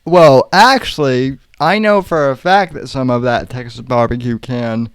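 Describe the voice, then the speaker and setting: A man co-hosting a podcast on a call, talking slowly and hesitantly with many fillers. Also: medium pitch, clean tone, no echo. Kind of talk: casual chat on a call.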